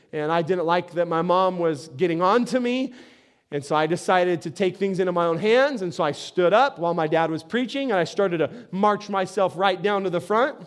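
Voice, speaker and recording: A man with a notably high voice preaching a sermon. He speaks conversationally and often repeats a word as he gets a sentence going. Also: clear, resonant tone. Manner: conversational, repeats words when starting sentences. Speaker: pastor.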